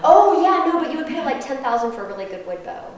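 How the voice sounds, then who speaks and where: A woman's voice: sits high, very animated, fast talker, crowd noise. A woman violinist chatting casually with a live audience between pieces, laughing and telling stories. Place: house concert venue with audience. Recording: echoey room.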